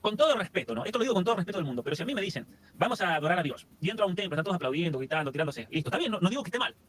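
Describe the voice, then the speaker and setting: A man answers interview questions very quickly, piling up long lists as he explains. His voice sits a bit high, with a light hum behind it. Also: very animated, fairly bright tone. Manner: rapid, explanatory, lists things in long chains. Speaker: interview guest. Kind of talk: casual interview.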